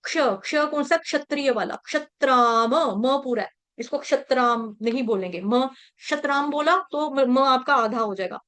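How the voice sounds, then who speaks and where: A woman with a high, light voice leads an online scripture class. She takes the verses apart syllable by syllable, correcting pronunciation patiently. Then she chants each line slowly for the group to repeat. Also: animated, fairly bright tone.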